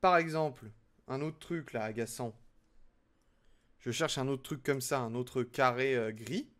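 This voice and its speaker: Speaking unhurriedly in a medium-pitched, slightly bright voice, a young man builds on his live stream and banters casually with viewers, often at his own expense.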